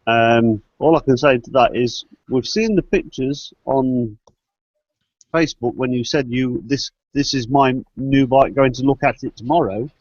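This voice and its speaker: A man hosting a casual group chat over a video call, jokey and quick to laugh. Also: mid-range voice, fairly even intonation, no echo. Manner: laughs often, loose and jokey. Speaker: show host. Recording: dull lo-fi call audio.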